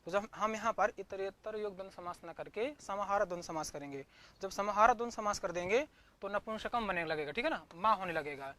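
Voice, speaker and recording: A man's voice: high voice, fairly quick, pushed and bright. A man giving an online Sanskrit grammar class, asking questions and answering them himself, repeating each term. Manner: searches the screen for notes aloud mid-lesson.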